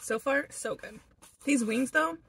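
A woman's voice: sits high, measured pace, a bit bright. A young woman giving a casual food review in a parked car, talking while chewing with her mouth full. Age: young adult. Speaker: food vlogger. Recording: noticeable background noise in car.

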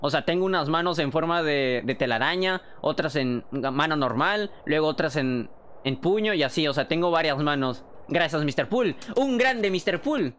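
Young Mexican male streamer, rapid casual chat, swears a lot, slightly high voice. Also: slight background noise. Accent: Mexican Spanish. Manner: fast, excitable, swears freely.

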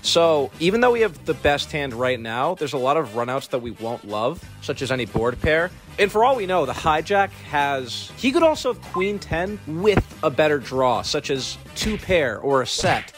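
Hoarse young man with a smoker's rasp. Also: fairly high pitch, very animated, moderate pace, few pauses. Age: 20s. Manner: brash, profane, jokingly self-deprecating. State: congested with a cold and phlegm. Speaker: poker vlogger. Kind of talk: casual poker hand narration, voice-over. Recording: voice-over with music behind.

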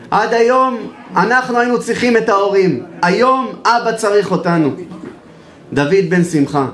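A male rabbi preaching a sermon with passion, firing off rhetorical questions at his listeners. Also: high-pitched. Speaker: rabbi giving a lecture. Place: evening lecture in a hall. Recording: echoey room sound.

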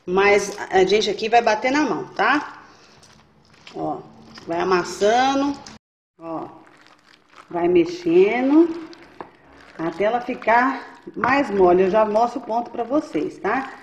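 A woman explains each step of a recipe on her cooking video, speaking slowly and expressively in a mid-range voice with frequent pauses. She's chatty and keeps checking in with viewers. The recording, made in an echoey home kitchen, is muffled with faint noise.

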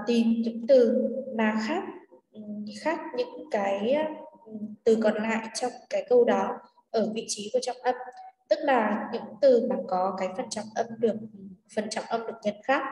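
A woman's voice: fairly high pitch, mellow. A woman teacher, patiently explaining test answers to her students and often checking that they follow. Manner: patient, checks understanding with quick questions. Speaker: English teacher. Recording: echoey room, far from the mic.

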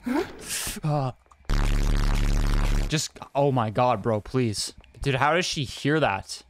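A man's voice: medium pitch, animated, slow. Scared young man streaming a horror game. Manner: scared, pleading, repetitive muttering. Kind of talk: live gameplay commentary. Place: small room indoors at a desk, webcam stream. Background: horror game music.

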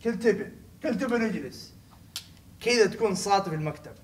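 A young man hosts a gaming video, joking and teasing the game's characters. His voice sits high for a man. He slips into laughter and sudden loud bursts. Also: lively intonation, quick pace, a little hiss or hum. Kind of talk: joking let's-play commentary.

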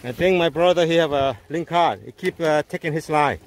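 A middle-aged man hosting a fishing channel, chatting excitedly in simple, broken English from a small open boat at sea, filmed on an action camera. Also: on the high side, fairly quick, a little hiss or hum. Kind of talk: casual excited narration while fishing. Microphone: handheld or mounted action camera.

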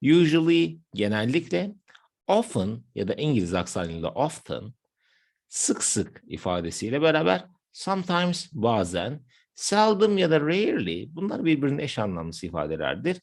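Turkish male language teacher, a bit of fry in the voice, slows down for his examples. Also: mid-range voice, sing-song. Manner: explains step by step, slows down for example phrases. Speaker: English teacher. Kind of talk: language lesson narration.

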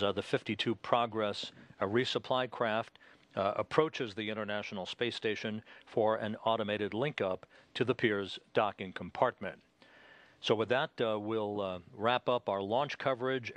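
A man giving live spaceflight broadcast commentary as a mission control commentator, in a measured, halting official delivery. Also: fairly low pitch, fairly even intonation, fairly bright tone, no room sound.

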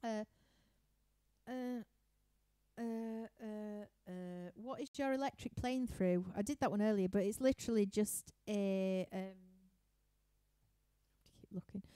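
A woman's voice: mid-range voice, takes it slowly, pauses often, dark tone, clean tone, no echo. Woman, Yorkshire accent, young adult, casual live-stream chat, rambling, laughing, dry close sound. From Yorkshire, England. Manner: chatty, laughing, rambling with fillers. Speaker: musician hosting a live stream Q&A. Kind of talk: casual chat reading viewer questions. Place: living room at home.

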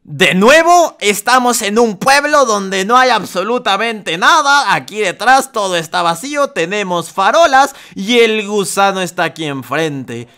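High, bright excitable man gaming. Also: a little slow, hardly any pauses, clean tone. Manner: animated, yelps and laughs at monsters, talks to viewers as friends. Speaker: gaming YouTuber. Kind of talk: excitable Roblox gameplay commentary.

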